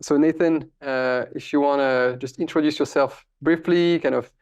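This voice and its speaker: A man's voice: fairly high pitch, steady tone, normal speed, a little mellow, clear, resonant tone. A man hosting a podcast interview with a former student, speaking hesitantly with many fillers. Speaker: podcast host, former teacher. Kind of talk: casual interview.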